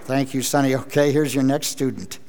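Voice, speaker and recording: A man's voice: mid-range voice, fairly even intonation, normal speed. A man working as a radio operator, hosting a school question session with formal radio call procedure. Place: school hall. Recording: echoey hall with loud radio noise.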